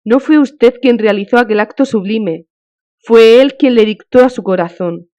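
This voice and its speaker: A woman's voice: on the high side, normal speed, mellow, close to an everyday voice. A woman reading an audiobook, voicing a devout countess who speaks in a fervent, consoling, emotional way, on a dull lo-fi recording.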